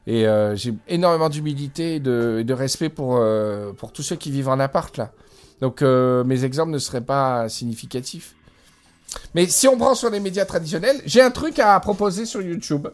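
Speaking at a normal speed, this podcast co-host has an expressive, mid-range voice. The casual chat was captured over Skype, and his eager talk is peppered with hesitations and filler words.

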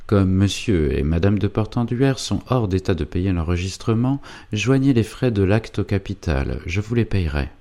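A man's voice: sits low, expressive, moderate pace, few pauses, dark tone. A man voicing a dignified, grave old doctor and guardian in a read-aloud novel. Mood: bitter.

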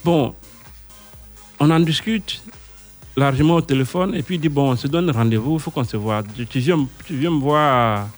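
A man telling a story in casual chat, acting out other people's voices and stammering when he gets excited. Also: on the high side, moderate pace, faint music behind.

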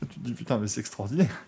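A man hosting a motorsport podcast, chatting casually and joking, rambling with frequent restarts. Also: mid-range voice. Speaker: podcast host.

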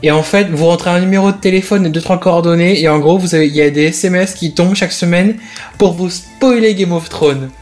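High-voiced hesitant French podcast man. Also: fairly quick, darkish tone, soft background music. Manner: hesitant, many restarts and fillers. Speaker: podcast co-host presenting a news item. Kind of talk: casual group chat.

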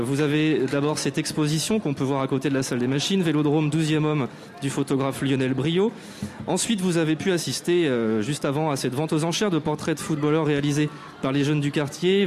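On an outdoor stage at an arts venue, with an audience watching, a man hosts a live radio program. His voice sits on the high side and is a little mellow, and he introduces guests formally and with playful grandeur, often hesitating.

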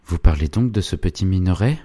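A man's voice: low voice, expressive, brisk, warm tone, breathy edge, no room sound, voice pushed up. A man voicing a proud, stubborn old noblewoman with a strident, curt way of speaking, in an audiobook reading. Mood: haughty. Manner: dry, curt replies.

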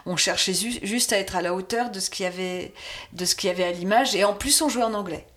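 A woman's voice: medium pitch, fast talker. A woman voice actress chatting in an interview, telling a story with frequent laughs and restarts. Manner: lively storyteller, laughs often, many restarts. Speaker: guest voice actress. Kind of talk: casual interview chat.

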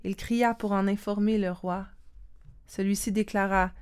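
A woman giving a calm, steady scripted reading of a Bible story, voicing the quoted lines in the same plain tone. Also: medium pitch, a little slow, smooth.

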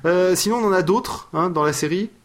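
A man hosting a casual podcast, hesitant and quick to laugh. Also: high-pitched. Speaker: host.

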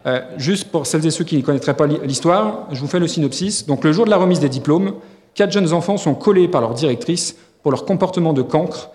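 A man's voice: a little high, lively intonation, brisk, darkish tone. A man co-hosting a live podcast on stage, joking and rambling with lots of fillers and restarts. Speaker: podcast co-host. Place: live festival stage before an audience. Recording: echoey hall with long reverb.

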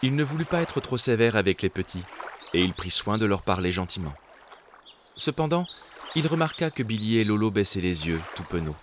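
A man narrating a children's storybook in a gentle, expressive way. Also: lowish voice, brisk, background noise.

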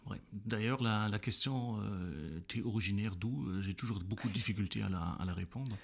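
Gravelly low-voiced man. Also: normal speed. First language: German. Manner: hesitant, many fillers and restarts while recounting. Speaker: guest. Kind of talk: interview conversation.

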